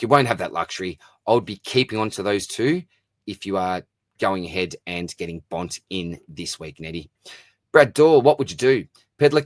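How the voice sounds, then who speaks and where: Deep-voiced, blokey man hosting solo. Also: no echo, studio quality. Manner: chatty, blokey, matey, informal slang. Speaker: host of a fantasy sport Q&A show. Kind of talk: casual solo mailbag commentary, reading out questions and answering.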